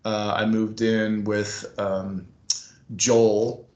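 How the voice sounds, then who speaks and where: Animated middle-aged man, roomy sound. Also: fairly low pitch, very slow, muffled recording. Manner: animated storyteller acting out quotes. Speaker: former school staff member, guest. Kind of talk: storytelling interview. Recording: roomy echo.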